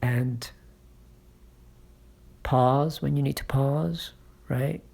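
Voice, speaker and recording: Male channel host, husky and unhurried, encouraging speaking coach who talks from experience. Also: medium pitch, steady tone, darkish tone. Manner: coaching, checks in with frequent "right?" and "okay?". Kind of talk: motivational public-speaking advice.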